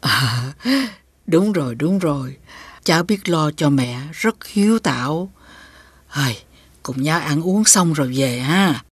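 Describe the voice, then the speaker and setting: A doting old grandmother in a cartoon fairy tale, with a low, husky voice. She speaks gently and warmly to children, recorded close in a dry booth. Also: lively intonation, slow pace, dry recording, exaggerated voice. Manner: warm, doting speech. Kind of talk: cartoon dub acting.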